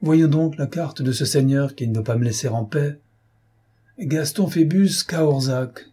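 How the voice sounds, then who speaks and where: A man's voice: mid-range voice, unhurried, mellow, husky, pitched above the performer's own voice. A man voicing a brusque, self-important older male philosopher who talks in an impatient, lecturing way. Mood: irritated.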